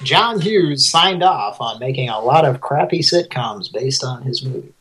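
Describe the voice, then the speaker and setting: A male co-host with an animated, swinging delivery, cracking jokes from the side of the mic. Heavy hiss and noise sit under every line of this rough live recording. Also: mid-range voice, unhurried. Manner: wisecracking, lively. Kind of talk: casual show banter. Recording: loud background noise.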